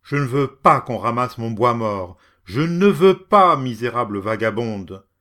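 A man voicing a furious, haughty rich landowner who beats a poor woman, his voice raised high and loud. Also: animated, unhurried. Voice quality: shouting, haughty.

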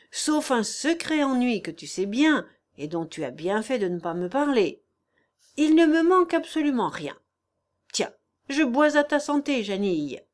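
A woman reading the part of a cheerful, contented elderly lord of a manor in an audiobook, in a jovial, warm-hearted manner. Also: a little high.

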